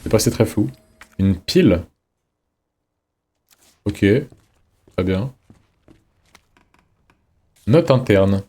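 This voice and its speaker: A man's voice: fairly low pitch, lively intonation, extremely slow, long pauses, warm tone. A man giving casual let's-play commentary, chatty, reading in-game notes aloud with jokey asides. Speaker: streamer playing a horror game.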